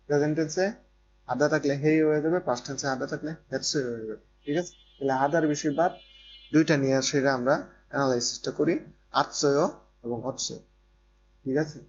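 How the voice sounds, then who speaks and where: Man, grammar teacher, repeats and checks understanding, slightly high voice, dull recording, faint hum. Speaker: Korean language teacher. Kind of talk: classroom grammar lesson.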